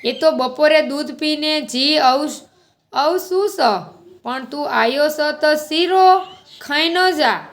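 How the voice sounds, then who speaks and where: A woman doing a kindly village granny with a rural dialect, her voice lifted noticeably higher than her usual speech. The delivery is slow and homely. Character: elderly village grandmother speaking rural dialect.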